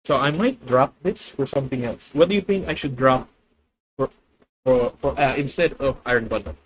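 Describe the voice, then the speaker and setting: A man with a mid-range voice and a Filipino accent, from the Philippines, chats with his stream viewers while thinking through a card game. He keeps a moderate pace, and the low-quality recording carries a little hiss or hum.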